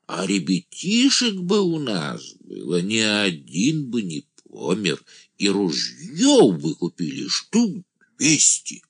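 A man voicing a simple-minded village man who calls himself an angel, speaking in a naive, drawn-out singsong. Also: on the low side, wildly swooping pitch, creaky, no room sound, studio quality, exaggerated voice. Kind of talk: audiobook character voice.

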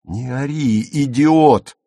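A man's voice: on the low side, normal speed, a little mellow, dry recording, studio quality. A man reading an audiobook, voicing a sober, irritable young man who speaks tersely. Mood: snapping.

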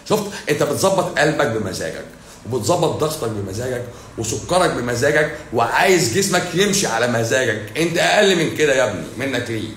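A man's voice: medium pitch, a bit bright, echoey room, slight background noise. A man with an Egyptian Arabic accent, a doctor hosting a livestream who answers viewer comments in a blunt, sarcastic, scolding way.

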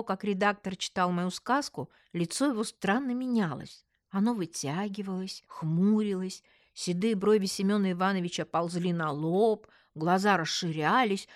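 A woman narrating a first-person story in an expressive, measured reading. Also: medium pitch, dry recording, clean studio sound.

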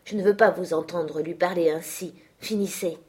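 A woman reading an audiobook, voicing a rough young man who answers plainly and a little hesitantly. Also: fairly low pitch, fairly even intonation, normal speed, mellow, lightly acted. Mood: earnest.

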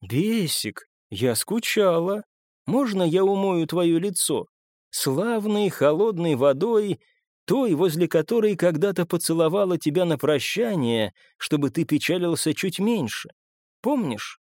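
A man reading an audiobook and voicing a female vampire who calls out gently and coaxingly. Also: sits high, expressive, measured pace, no room sound, studio quality, pitched above the performer's own voice. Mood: tender. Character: female vampire, tender, playful and eerie.

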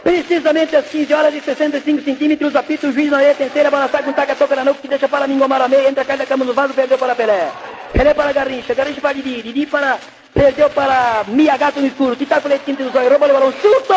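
A man playing a frantic old-time radio football commentator in a comic skit, rattling off tongue-twisting nonsense deadpan. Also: extremely high pitch, fast. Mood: rapid patter. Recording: dull lo-fi radio recording, faint noise.

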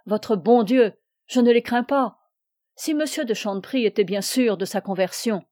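Woman reader doing a possessive young heroine, impassioned and scornful, warm dark timbre. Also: fairly high pitch, dry recording, studio quality, close to an everyday voice. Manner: impassioned, scornful, rising to cries. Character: passionate young woman, fiercely possessive lover.

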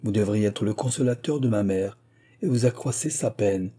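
A man's voice: lowish voice, moderate pace, dark tone, husky. A man voicing an earnest young son who reproaches his father. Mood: reproachful.

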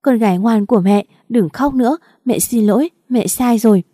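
A woman's voice: a little high, moderate pace, mellow, dry recording, clean studio sound, lightly acted. A woman voicing a young mother who pleads in tears at her husband's bedside, in an audiobook reading. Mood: soothing tearful. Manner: tearful, pleading.

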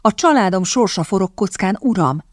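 A woman's voice: mid-range voice, lively intonation, no room sound, clean studio sound, close to an everyday voice. A woman reading a fierce, headstrong young lady. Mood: indignant. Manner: sharp, insistent, indignant.

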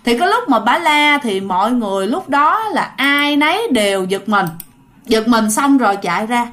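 A woman's voice: fairly high pitch, animated, moderate pace, a bit bright. A woman telling a ghost story in a chatty way, speaking directly to her listeners. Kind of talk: casual ghost story narration.

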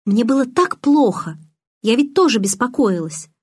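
A woman's voice: on the high side, very animated, moderate pace, breathy edge, no room sound, clean studio sound, pitched above the performer's own voice. A woman voicing an anxious, touchy teenage girl who speaks in an emotional, pleading way.

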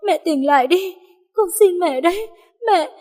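A woman's voice: very high voice, expressive, moderate pace, dark tone, voice pushed up. A woman voicing a young woman who sobs and screams desperate pleas over her murdered parents. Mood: desperate pleading. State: crying. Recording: long reverb.

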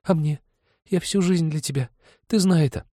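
A man voicing a devoted young village girl who pleads through tears in a breathy whisper. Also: fairly high pitch, moderate pace, mellow, no echo, clean studio sound, voice pushed up, natural voice. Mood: tearful pleading.

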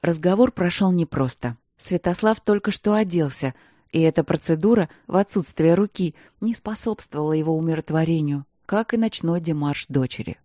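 Low-voiced woman narrating an audiobook. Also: moderate pace, dark tone, dry recording, studio quality.

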